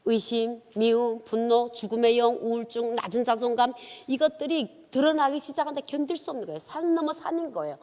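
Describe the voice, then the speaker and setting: A woman's voice: fairly high pitch, fairly quick, few pauses, a little mellow. A woman from Korea, an evangelist giving a testimony sermon in a church, telling her story vividly and acting out dialogue. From North Korea. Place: church sanctuary. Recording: long church hall reverb.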